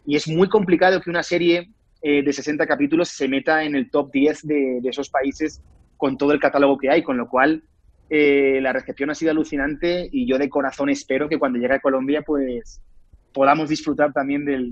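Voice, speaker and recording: A man with a Spanish accent from Spain, an actor being interviewed, talking in an animated, rambling way with many restarts. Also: on the high side, a little fast, no room sound, muffled recording. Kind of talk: casual interview conversation.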